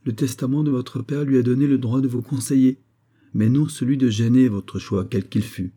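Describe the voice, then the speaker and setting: A man voicing an earnest young army captain, speaking firmly but gently to his wife in an audiobook reading. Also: medium pitch, steady tone, moderate pace, pitched above the performer's own voice, natural voice. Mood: reassuring.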